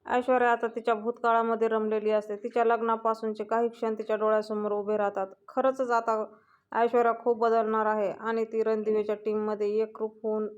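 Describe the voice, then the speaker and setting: A woman narrates a TV serial recap as a voice-over, dropping in chatty asides to her listeners. Her voice sits somewhat high. She keeps a narrow, level tune throughout. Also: level tone, a little fast. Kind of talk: storytelling recap with commentary.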